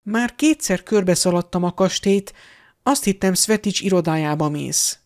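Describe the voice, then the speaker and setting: A man's voice: high-pitched, animated, a little mellow, pitched above the performer's own voice. A man voicing an eager, bossy teenage schoolgirl witch who talks insistently and impatiently, raising his voice well above his own. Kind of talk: fan audiobook character voice.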